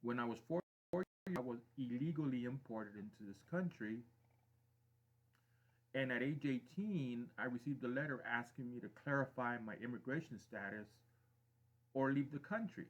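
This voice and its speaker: A middle-aged man from Mexico hosts a live stream, delivering his opinions in a slow, emphatic monologue. He leans on repeated phrases to drive each point home, with a voice of ordinary pitch for a man. The stream audio is dull and lo-fi.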